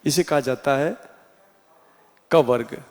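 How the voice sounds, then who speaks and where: A man teaching a Hindi class in a slow, deliberate way with a Rajasthani accent, sounding out each letter one by one. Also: medium pitch, a little mellow. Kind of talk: classroom lecture. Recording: reverberant room sound.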